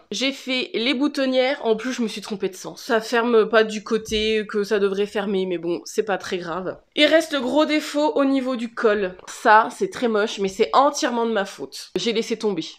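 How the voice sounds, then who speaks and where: A woman's voice: fairly high pitch, normal speed, few pauses. A woman chatting casually in a home sewing vlog, exasperated and laughing at her own mistakes. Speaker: sewing vlogger.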